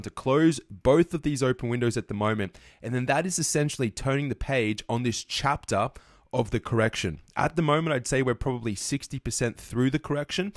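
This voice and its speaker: Man, trading educator, mid-pitch voice, dry close sound, earnest and repetitive. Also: dry recording. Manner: earnest, repeats himself, restarts and corrects mid-sentence. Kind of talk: market analysis over charts.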